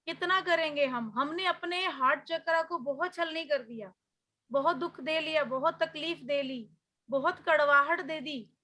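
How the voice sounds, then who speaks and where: A woman teaching a spiritual healing class talks through memories and lessons in a relaxed, conversational way. Her voice sits high and sounds bright and clear. She tells stories earnestly, and her voice sometimes falls quiet. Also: unhurried. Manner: storytelling, earnest and conversational, often drops soft. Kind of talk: spoken healing class talk.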